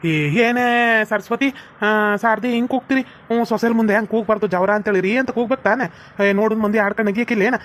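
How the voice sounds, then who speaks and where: Performer doing a meek old father-in-law, North Karnataka accent, gabbles very fast, fussy. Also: medium pitch, steady tone, lightly acted. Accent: North Karnataka Kannada. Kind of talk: cartoon comedy voice acting.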